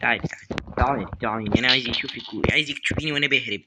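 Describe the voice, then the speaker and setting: A young gaming YouTuber with an Egyptian Arabic accent commentates a horror game, nervously muttering prayers and taunting the game. His voice is medium-pitched and racing, with heavy background noise.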